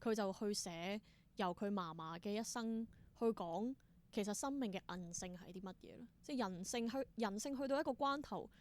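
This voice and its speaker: Speaking at a normal speed in a mid-pitched voice, a theatre performer from the Hong Kong Cantonese-speaking world guests on an interview. Her storytelling is casual and enthusiastic, peppered with English.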